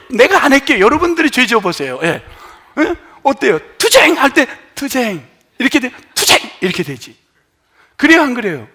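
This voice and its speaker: A middle-aged man preaching a sermon in a notably high voice. His pitch leaps and dips with lively animation, and he keeps questioning his congregation, moving from forceful near-shouts down to soft hushed whispers. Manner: animated, swings from loud emphatic lines to hushed near-whispers; asks the congregation questions and has them try words aloud. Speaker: pastor.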